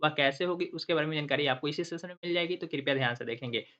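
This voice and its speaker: In a dull lo-fi screen recording, a channel host walks through a step-by-step tutorial for his online class, posing his own questions and then repeating the answers the way a teacher would. He speaks rapid-fire in a sharp voice on the high side.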